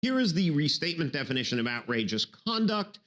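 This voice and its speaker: Jokey New law professor. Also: male voice, fairly high pitch, a little fast. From New York City, Brooklyn. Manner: jokey, animated, acts out silly voices. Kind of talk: recorded bar review lecture.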